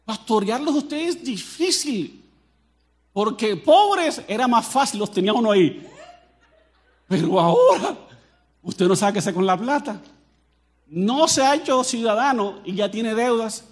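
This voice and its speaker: A Colombian man with a Colombian accent preaching a sermon as pastor, animated and joking as he addresses the congregation directly. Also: high voice, a little slow, long pauses.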